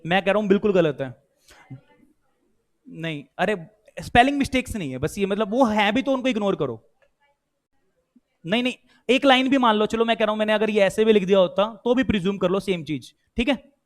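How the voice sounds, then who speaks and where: A man's voice: high voice, a little fast, pauses often. A man with an Indian accent teaching a law class, quizzing students and mixing Hindi with English. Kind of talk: online class lecture.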